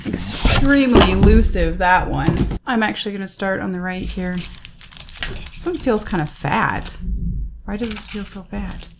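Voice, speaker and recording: A woman's voice: medium pitch, expressive, unhurried, creaky, heavy background noise. A woman hosting a casual card-pack unboxing, chatting and naming each card aloud with easy laughs. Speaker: host opening trading card packs.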